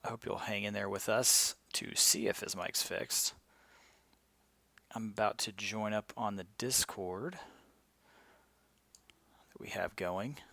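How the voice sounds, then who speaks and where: A man's voice: on the low side, steady tone, a little slow, gravelly, bright, forceful tone, no echo. A man hosting a live stream in an upbeat, chipper manner, like a game show host. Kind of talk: casual live-stream chat.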